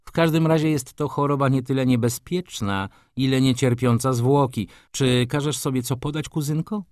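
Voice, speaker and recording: A man voicing a flippant young aristocrat who teases in a raised, airy, loud voice. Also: medium pitch, normal speed, no room sound, clean studio sound, voice pushed up, natural voice. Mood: teasing. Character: young male aristocratic cousin, flippant and mocking. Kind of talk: audiobook character reading.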